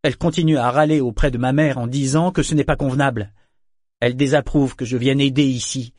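Man doing a quick-tempered young woman, high and snappy, bone dry audiobook read. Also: dry recording, close to an everyday voice. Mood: irritated. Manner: sharp, raised, indignant delivery. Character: strong-willed young female ship's heir, proud and quick-tempered. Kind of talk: audiobook character voice.

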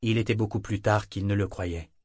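A man's voice: on the low side, steady tone, a little fast, darkish tone, no room sound, clean studio sound. Man narrating a fantasy audiobook. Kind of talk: scripted narration.

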